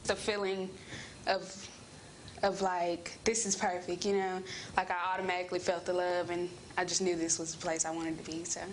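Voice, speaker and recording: Young woman, even-pitched. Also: moderate pace. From Alabama, United States. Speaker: interviewee. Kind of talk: casual interview answers. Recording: noticeable background ambience noise.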